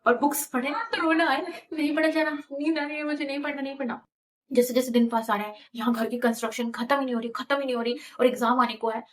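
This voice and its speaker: A young woman in her twenties casually telling her own story, chatty and animated, slipping English phrases into her talk. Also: high-pitched, fast. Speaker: vlogger.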